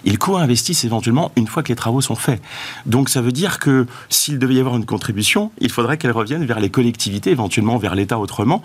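A man's voice: mid-range voice, expressive, quick pace, husky. A man, a telecom executive answering interview questions in an assertive, explanatory way. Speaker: telecom company head, guest.

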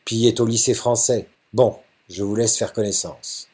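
A man voicing a stern, middle-aged wealthy father who speaks briskly and peremptorily in a storybook reading. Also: lowish voice, fairly even intonation, a little mellow, husky. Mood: authoritative.

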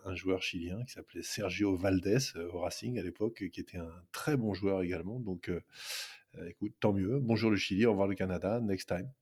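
A middle-aged man co-hosting a casual podcast, relaxed and joking, teasing his partner. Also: low voice, fairly quick, breathy edge. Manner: relaxed, joking, reads reviews aloud. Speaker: podcast co-host.

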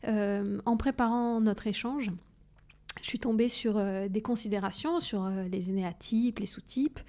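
A woman's voice: mid-range voice, measured pace, mellow. A woman hosting a podcast interview, recapping earlier points and prompting her guest with questions. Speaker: podcast host.

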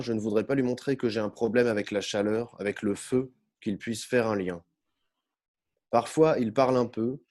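Male narrator for a first-person novel; warm, mid-pitched, measured and unhurried delivery.

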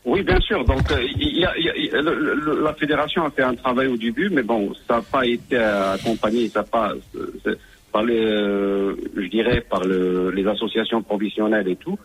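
A man calling in to a radio show over the phone, speaking haltingly and often restarting his words. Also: fairly low pitch, animated, slight background noise. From Morocco. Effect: caller on a phone line into a radio show.

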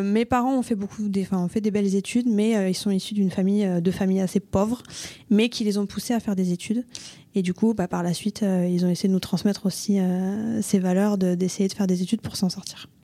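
A woman's voice: mid-range voice, fairly even intonation, a little fast, warm tone, no echo. A young woman from Toulouse with a Toulouse accent, a guest in an interview, talking frankly with many fillers in a coworking space. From Toulouse, France. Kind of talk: conversational interview.

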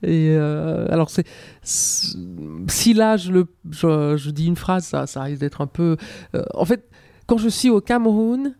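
A woman's voice: fairly low pitch, expressive, measured pace, dark tone, dry recording. A woman speaking as a podcast guest, thoughtful and hesitant, often restarting her sentences. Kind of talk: podcast interview.

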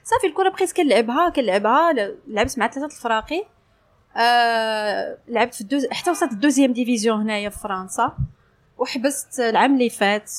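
A woman with a Moroccan Arabic accent, telling her story casually as an interview guest and mixing French phrases into her speech. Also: a little high. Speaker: interview guest, sports journalist.

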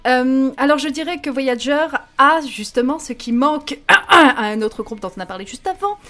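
Brief: higher-voiced woman, eager and playful podcast reviewer, faint music behind. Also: animated, moderate pace, a bit bright. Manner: enthusiastic, playful, laughs often. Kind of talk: casual podcast chat.

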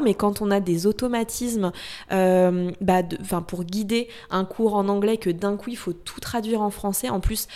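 A woman's voice: medium pitch, a little mellow. A woman yoga teacher being interviewed, talking casually and hesitantly with lots of fillers and restarts.

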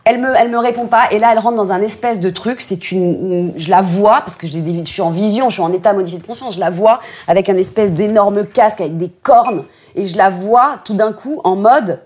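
A woman recounts an intimate personal experience on a casual chat show. She speaks with emotion, in halting phrases that restart and circle back. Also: medium pitch, darkish tone. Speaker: co-host.

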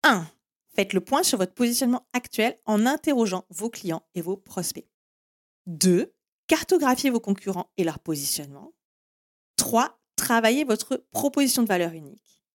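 A woman's voice: mid-range voice, expressive, moderate pace. French-speaking woman teaching marketing. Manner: direct, explanatory, with frequent "en fait" and "eh bien"; addresses listeners with firm instructions. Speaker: marketing podcast host. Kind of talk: solo podcast teaching marketing.

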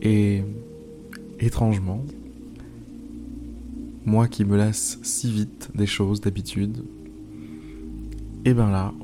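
Low-voiced man guiding meditation over music. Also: flat delivery. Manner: slow, pausing, repeating phrases, informal. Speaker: guided meditation host. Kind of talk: improvised guided meditation with casual asides. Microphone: speaking into a microphone.

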